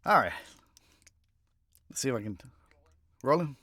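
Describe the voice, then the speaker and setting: A male voice actor works through narration takes in a recording booth, often breaking off to start a line again. His pitch moves around a lot while he reads, and he drops to low asides between takes. The studio sound is very dry and close. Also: animated, unhurried, no room sound. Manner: restarts lines often and mutters quietly between takes. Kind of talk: recording narration takes and chatting between them on a live stream. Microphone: studio microphone.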